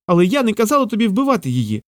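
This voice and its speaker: Man doing a shrill squirrel girl, way high and bouncy, storybook critter. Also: big pitch swings, fast talker, no echo, studio quality. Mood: horrified. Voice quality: shrill, squealing. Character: excitable young female squirrel, shrill.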